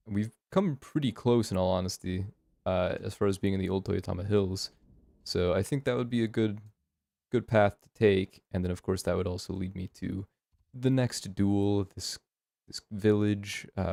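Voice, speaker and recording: A man's voice: low-pitched, normal speed, gravelly, warm tone, dry recording. A man with an American West Coast accent giving casual, unscripted gameplay commentary, thinking aloud in a hesitant, rambling way. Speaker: gaming host doing a playthrough.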